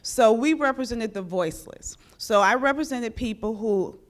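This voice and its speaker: A woman's voice: fairly high pitch, normal speed. A woman judge and former public defender, explaining traffic law to a community audience in a plain, direct way. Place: community meeting room.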